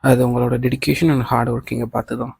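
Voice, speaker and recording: A man's voice: mid-range voice, a little slow, gravelly, breathy edge, heavily acted. A man reading a kind, encouraging boss. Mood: reassuring. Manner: calm, reassuring talk mixing English phrases. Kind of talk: audiobook reading of a novel.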